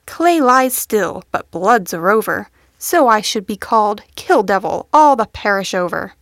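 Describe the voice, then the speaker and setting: A woman's voice: mid-range voice, animated, unhurried, dry recording, studio quality. A woman voicing a giddy male butterfly who rambles through quotes and songs in a playful, sing-song way. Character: giddy dandy male butterfly, quoting nonsense.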